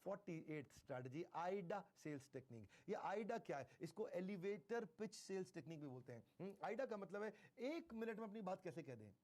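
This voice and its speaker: A man with a high voice delivers a sales training talk. He hammers on key phrases, repeating them slowly and firmly, and slips English terms into his teaching. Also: animated, darkish tone. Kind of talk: motivational sales lecture.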